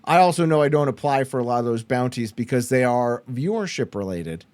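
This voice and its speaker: A man's voice: mid-range voice, brisk, no echo. A man from Canada hosting a podcast, chatting casually with fillers and restarts. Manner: mocks others with put-on excited voices. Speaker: podcast host. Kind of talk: casual chat.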